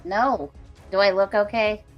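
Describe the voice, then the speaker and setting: A woman voicing a foul-mouthed, exasperated warrior in a tabletop role-play, speaking in her own everyday voice with soft music behind. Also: mid-range voice, steady tone, a little slow, lo-fi sound, lightly acted. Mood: irritated. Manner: blunt, sweary, exasperated. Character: angry woman warrior waking in a stranger's body.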